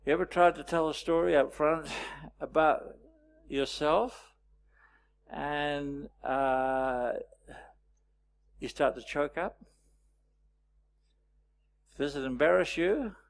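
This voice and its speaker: A man leading a storytelling workshop, teaching with wry anecdotes and frequent pauses. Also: a little high, creaky. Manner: anecdotal, wry, pausing often. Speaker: workshop presenter.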